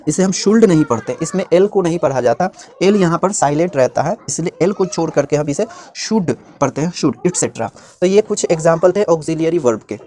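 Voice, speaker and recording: A man's voice: fairly high pitch, darkish tone. A man teaching English grammar, spelling words out letter by letter and repeating them patiently. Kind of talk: classroom explanation.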